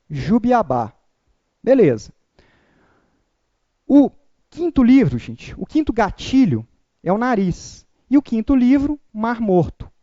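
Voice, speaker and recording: A man's voice: very high voice, mellow, no echo, muffled recording. A man teaching a memorization lesson, upbeat and chatty, leading the listeners through call-and-repeat drills.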